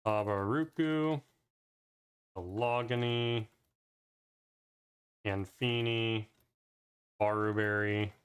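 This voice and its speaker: A man's voice: fairly low pitch, fairly even intonation, drawn-out words, long pauses, clean tone. A man casually reviewing his own speedrun, talking loosely with plenty of "like" fillers. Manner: rambling, loose, with frequent "like" fillers. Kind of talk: casual commentary over gameplay.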